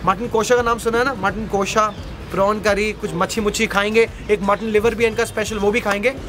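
An Indian man in his thirties hosts a casual street food vlog outdoors among food carts, exclaiming enthusiastically and switching between Hindi and English. His high voice shows little pitch movement and moves fairly quickly over a noisy background.

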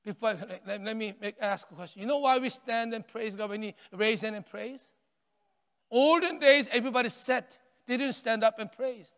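An older man preaches from the pulpit of a large sanctuary, swinging from raised, emphatic lines to near-whispered ones. His voice sits unusually high for a man and sounds smooth and resonant. A long church-hall reverb trails behind each phrase. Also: normal speed. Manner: animated preaching with wide arm gestures, rising and falling intensity; repeats and restarts phrases, drops to near-hush on key words. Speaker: pastor. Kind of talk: sermon.

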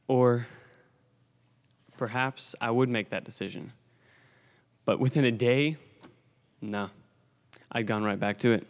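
A teenage boy giving a graduation speech at a lectern in a school gym, telling his own story earnestly with dramatic pauses. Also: mid-range voice. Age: teens. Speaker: graduating student speaker. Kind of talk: commencement speech. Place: school gymnasium stage at a lectern. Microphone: podium microphone on a stand. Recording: long hall reverb from a large gym.

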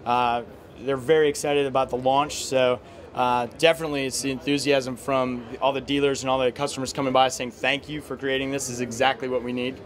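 A man in his thirties from the United States, a guest at a trade show interview, talking in a measured, upbeat way with many fillers, recorded at an indoor expo stand on a handheld mic. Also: mid-range voice, little pitch movement. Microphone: handheld mic held by interviewer.

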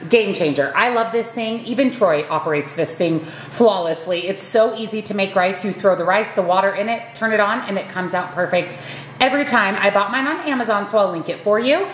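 A woman in her thirties chatting brightly through a cooking walkthrough in her home kitchen. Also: medium pitch, a little hiss or hum. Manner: upbeat, chatty. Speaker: food vlogger.

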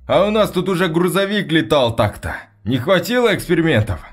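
A man voicing a brash male soldier who jokes and shouts, with a raised, lively voice. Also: fairly high pitch, fairly quick, husky, voice pushed up. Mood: yelling. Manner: shouting, exasperated.

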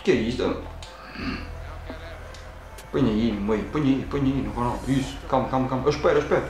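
A man with a European Portuguese accent, playing a football video game and reacting loudly to each play as he talks at it. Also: mid-range voice, fairly quick, reverberant, low-quality recording. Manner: excitable, talks at the game and the referee, frequent exclamations. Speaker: gaming channel host.

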